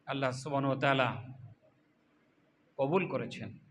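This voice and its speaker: A man giving a fiery political sermon to a crowd, asking rhetorical questions and swinging between loud cries and low asides. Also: normal speed, slight background noise. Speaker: Islamic political speaker.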